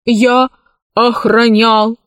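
A woman reading a children's story aloud, voicing a stubborn, literal-minded ship's service robot in a slow, measured way. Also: fairly high pitch, flat delivery, a bit bright, clear, resonant tone, dry recording, clean studio sound.

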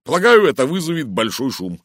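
Brash blustering businessman, raised and pushy, lively swings, as a male reader puts him on. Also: medium pitch, fairly quick, no echo, studio quality, pitched above the performer's own voice. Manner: boisterous, blustering, gossiping. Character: loud brash vulgar middle-aged English businessman.

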